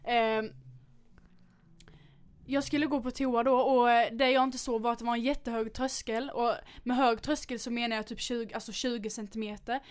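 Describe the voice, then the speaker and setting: A young woman co-hosting a casual chat show from a school studio, telling stories in a lively way and swearing casually. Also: a little high. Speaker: podcast co-host.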